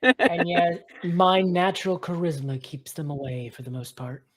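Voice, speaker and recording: A man's voice: a little high, unhurried, a crowd in the background. A man playing in a tabletop game, teasing the others in casual chat. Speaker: player.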